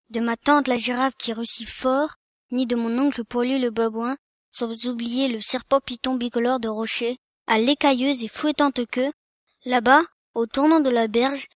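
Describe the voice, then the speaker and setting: Woman reading earnest, courteous young elephant child, high voice, storybook. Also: no room sound, clean studio sound. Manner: very polite, earnest.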